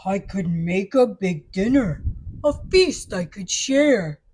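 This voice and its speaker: Woman doing a slow, mellow, deep-voiced storybook bear. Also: lively intonation, husky. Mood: wistful. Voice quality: deep put-on voice. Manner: slow, deliberate storybook delivery. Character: big gentle male bear, grateful, a little downcast.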